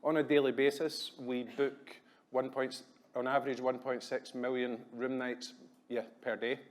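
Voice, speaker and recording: A man in his thirties from Glasgow with a Glaswegian accent, giving a quick, chatty business presentation at a conference with plenty of ums. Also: mid-range voice, little pitch movement. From Scotland. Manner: quick, chatty, self-deprecating, many ums. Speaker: conference speaker. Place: hotel conference room.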